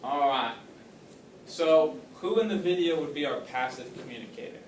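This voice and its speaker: A man's voice: a little high, expressive, normal speed, slight background noise. A man teaching a class, asking questions and praising students' answers. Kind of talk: classroom lesson. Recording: roomy classroom, mic far off.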